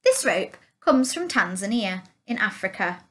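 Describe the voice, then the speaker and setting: A woman reading a children's picture book aloud, slowly, clearly and carefully. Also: medium pitch, very animated, a bit bright. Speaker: storyteller.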